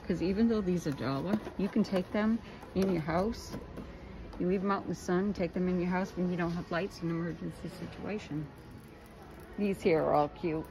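A woman chatting casually as she walks through a large store, filming on her phone and pointing out prices. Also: lowish voice. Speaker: vlogger. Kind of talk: casual shopping vlog narration. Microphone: phone camera held while walking. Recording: noisy store background.

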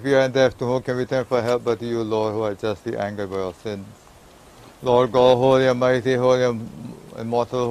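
A man, a priest at a graveside, reciting a funeral liturgy in a solemn, measured, prayerful way. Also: mid-range voice, darkish tone, a little hiss or hum, poor audio. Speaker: priest officiating a burial.

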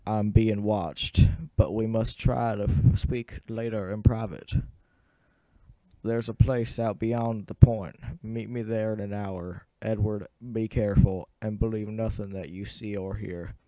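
A man's voice: fairly low pitch, steady tone, a little slow, dark tone, dry recording. A man reading the lines of an anxious, secretive woman searching for her lost daughter, using a put-on Southern accent in an amateur script read-through. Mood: urgent warning. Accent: attempted American Southern.

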